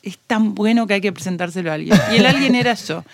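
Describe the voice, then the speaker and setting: A woman's voice: medium pitch, fast, no echo, clean studio sound. A Uruguayan woman on a podcast, telling a story in casual chat and acting out the quoted dialogue. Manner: animated, acts out quoted dialogue.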